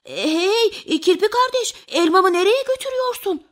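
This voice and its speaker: A woman doing a high, excitable hungry rabbit. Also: normal speed. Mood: upset shouting. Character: hungry, pushy young rabbit.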